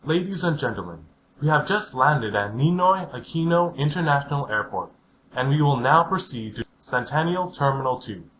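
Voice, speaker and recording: Male PA announcer after a chime: formal, measured, slightly high, faint noise, a touch distant. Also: expressive, fairly bright tone. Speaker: airport and cabin announcer. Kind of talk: scripted public address announcement.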